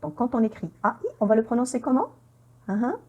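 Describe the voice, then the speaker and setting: A woman teaching pronunciation in an online lesson, repeating words slowly and quizzing the viewer with encouraging checks. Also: a little high, lively intonation, a little mellow, breathy edge, highs cut off. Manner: encouraging, with frequent "hein?" checks.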